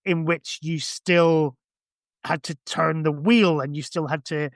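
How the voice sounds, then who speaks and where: As a guest on a podcast, a man chats casually about science fiction books in a rambling, hedging style full of "kinda" and "sort of." His voice is on the high side with fairly even intonation, and he speaks slowly. The studio-quality recording is dry.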